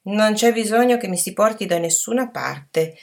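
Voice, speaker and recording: A woman voicing a prickly, rebellious teenage girl who loves horses and hisses her words in sharp defiance. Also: medium pitch, lively intonation, normal speed, gravelly, pitched above the performer's own voice. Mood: defiant.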